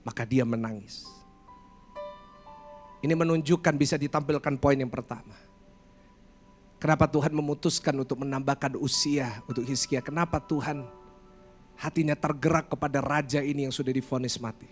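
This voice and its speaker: A middle-aged man preaching a livestreamed sermon, animated, acting out different tones of voice. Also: medium pitch, fairly quick, soft background music. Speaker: pastor.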